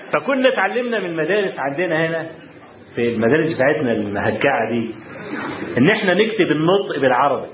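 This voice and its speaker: A man with an Egyptian Arabic accent telling students about his college days, animated, often checking in with the audience. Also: fairly high pitch, reverberant, narrow, tinny audio, background noise. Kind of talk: storytelling talk to students. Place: lecture hall.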